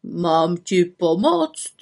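A woman voicing a bossy, gruff male forester in a storybook reading, barking and scolding in a loud voice. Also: lowish voice, big pitch swings, exaggerated voice. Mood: bewildered.

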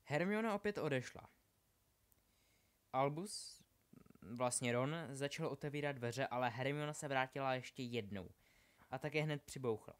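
A man narrating a novel aloud in steady storytelling, slowing down for effect. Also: medium pitch. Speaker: reader. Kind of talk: audiobook narration.

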